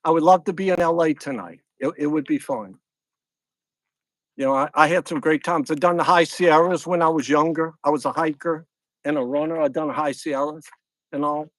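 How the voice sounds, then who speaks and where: A man's voice: on the high side, fairly quick, no room sound. A middle-aged man with a Louisiana accent hosts a casual fishing livestream outdoors at a lakeside camp, rambling, repeating himself and greeting viewers one by one. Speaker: fishing channel host.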